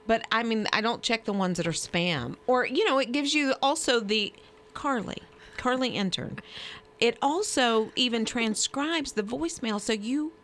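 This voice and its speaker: A woman's voice: on the high side, lively intonation, moderate pace, a bit bright. A woman co-hosting a morning radio show, chatting casually and laughing often as she tells stories.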